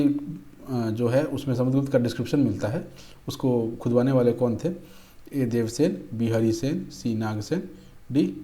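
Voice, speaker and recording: A man's voice: mid-range voice, dark tone. A young man teaching exam-prep history, patiently reading out quiz options and answers. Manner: patient, repeats "ठीक है", reads options aloud. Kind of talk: explaining quiz questions.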